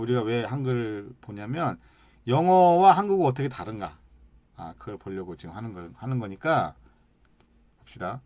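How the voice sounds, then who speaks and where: A man teaching an English lesson, stretching out sounds and syllables slowly as he demonstrates, and asking the class questions that he then answers himself. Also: medium pitch, a little mellow, dry recording. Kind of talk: lecture with slide examples.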